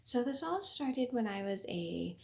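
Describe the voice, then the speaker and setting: Quiet young woman with a creaky voice. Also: fairly high pitch, sing-song, unhurried. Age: young adult. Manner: talking quietly so as not to wake sleeping people at night. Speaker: vlogger. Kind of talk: casual storytime vlog.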